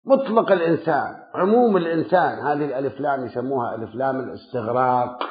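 A preacher delivers a sermon at a quick pace, building emphatic, rhythmic lists of words that climb and then sink low. The recording sounds thin and phone-like, with a roomy echo.

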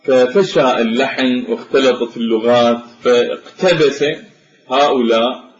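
A man giving a measured spoken lecture, explaining step by step with frequent pauses and fillers. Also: medium pitch, fairly even intonation. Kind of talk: spoken lecture on Arabic phonetics. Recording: dull lo-fi recording in an echoey room.

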